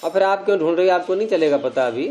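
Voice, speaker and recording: Guy teaching grammar in a classroom, kinda high but mellow voice, keeps asking the students stuff. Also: lively intonation, rapid-fire. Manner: explains step by step, quizzes students. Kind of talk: classroom lecture.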